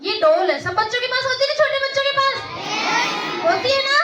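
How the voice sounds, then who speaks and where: A woman's voice: very high-pitched, expressive, brisk. A woman trainer teaching schoolchildren about safety, coaxing them with questions. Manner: coaxing, asks children questions. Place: school event with children. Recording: echoey, distant, crowd and noise.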